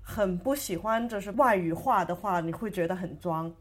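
A woman's voice: fairly low pitch, moderate pace. A woman co-hosting a casual discussion who explains things at length with light laughter. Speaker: podcast co-host.

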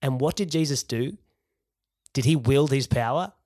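A man with a mid-range voice co-hosts a faith discussion podcast, pushing his points with emphatic, animated bursts. The recording is dry and close, with no room sound. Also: mid-range voice, moderate pace, dry recording. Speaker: podcast co-host.

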